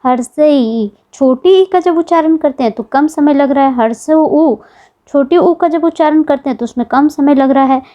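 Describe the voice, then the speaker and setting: A woman's voice: high-pitched, moderate pace, dark tone, highs cut off. A woman teaching an exam-prep grammar lesson, patiently repeating key points and asking the class questions.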